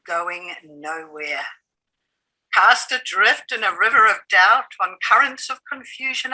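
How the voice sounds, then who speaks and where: Very bright, slow, theatrical woman poet. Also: on the low side, poor audio. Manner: theatrical, emphatic. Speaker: poet reading her own work. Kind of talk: dramatic poetry recital.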